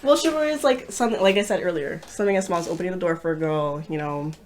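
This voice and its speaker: A woman's voice: lowish voice, rapid-fire, a loud crowd. Chatty, laughing young woman guest. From Canada. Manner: laughs often, chatty and blunt. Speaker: podcast guest. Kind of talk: casual chat.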